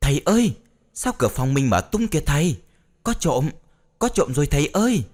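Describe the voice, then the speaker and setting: A man voicing an excitable young boy apprentice who yells in excitement. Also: high-pitched, fast talker, voice pushed up. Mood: excited. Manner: excited, yelling.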